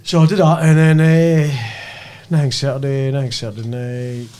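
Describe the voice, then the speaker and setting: A man's voice: medium pitch, little pitch movement, normal speed, mellow, a little hiss or hum. Scottish man in casual podcast banter. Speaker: podcast co-host; amateur football referee.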